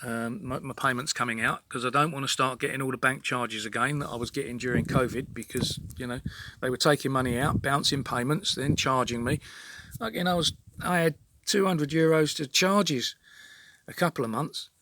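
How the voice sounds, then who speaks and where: A man's voice: mid-range voice, moderate pace, bright, forceful tone, slight background noise. A man venting in an exasperated, sweary rant monologue to his own channel, repeating himself as he talks. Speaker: vlogger.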